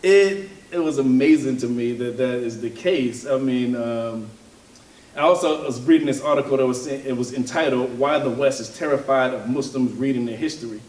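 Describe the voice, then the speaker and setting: A man's voice: mid-range voice, normal speed, darkish tone. Man, reflective community talk, hesitant with fillers, set back from the mic in a roomy space. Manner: thoughtful, hesitant, with frequent fillers and restarts. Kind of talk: informal religious and political talk. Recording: roomy, from a distance.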